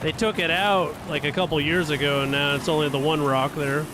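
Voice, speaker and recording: A man casually chatting with his viewers while he live-streams a racing game. He talks in a relaxed way and chuckles often. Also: a little high, brisk, background noise. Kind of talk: casual gaming stream chat.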